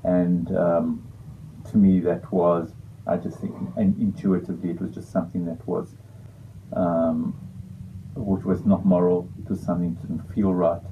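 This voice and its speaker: A man's voice: low-pitched, level tone, unhurried. A man answering interview questions, hesitant and reflective, often searching for words. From South Africa. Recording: dull lo-fi with faint noise.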